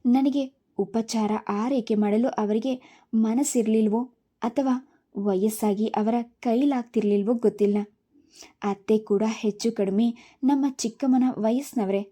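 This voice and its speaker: A woman narrating a heartfelt family story in the first person, with a calm reading manner. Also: fairly high pitch, measured pace.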